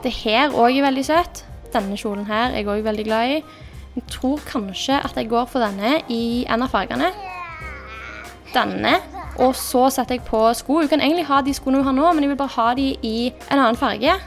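Speaking in a high-sitting voice, a young gaming YouTuber narrates casually as she plays, musing over her choices. She's at a desk in her bedroom, and faint music sounds behind her.

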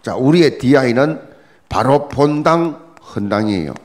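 Emphatic man preaching, lively pitch. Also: unhurried. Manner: emphatic, repeats key words, asks the congregation questions. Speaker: pastor. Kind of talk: early-morning prayer sermon.

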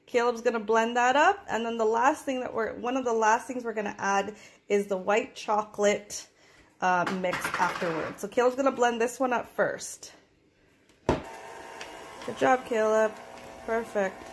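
A woman with a slightly high voice talks from behind the camera in a home kitchen, guiding each cooking step. She keeps up steady encouragement and praise between instructions. A faint hiss sits under her voice. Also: a little slow. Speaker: parent filming a child's cooking video.

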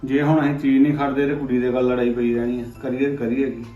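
A woman's voice: a bass voice, little pitch movement, fast talker. An actress playing a worried older village mother with a Punjabi accent, consoling and indignant, in a dull echoey recording with faint music.

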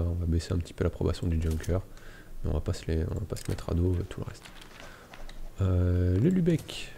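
A man's voice: sits low, dark tone, slight background noise. A man casually commenting on his strategy game as host of a let's play, talking to himself with many fillers. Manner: mumbling to himself, lots of ok and euh.

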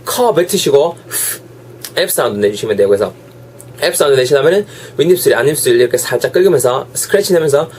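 A young man with a Gyeongsang Korean accent teaching English in a casual online lesson, his throat sore and coughing, chatty and switching to slow drawn-out English examples. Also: mid-range voice, lively intonation, a little mellow, a little hiss or hum. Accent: Gyeongsang Korean dialect.

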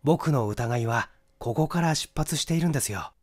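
In a Japanese mystery audiobook, a man voices a clever, confident young amateur detective who lays out his deductions methodically. His mid-range voice is natural and moves at a moderate pace. He sounds self-assured and explanatory, often posing rhetorical questions.

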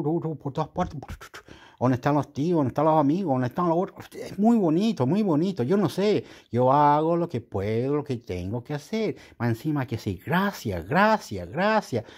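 A man's voice: a little high, darkish tone. A man with a Chilean accent vlogging in a casual, rambling monologue, repeating himself and swearing casually. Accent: Chilean Spanish.

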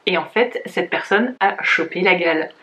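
A woman's voice: lowish voice, moderate pace, sharp tone. Chatty young Frenchwoman in echoey room. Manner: chatty, candid, laughs often, many fillers. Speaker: fashion vlogger. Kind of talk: casual try-on vlog. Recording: echoey room, faint noise.

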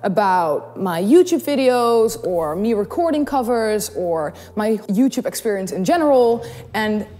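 Sitting in a small studio in front of a blue backdrop, a young Dutch-accented YouTube singer and host speaks a little slowly in a medium-pitched voice. She's bubbly and giggly, telling animated stories casually to camera through a desk condenser mic that gives a big-room sound.

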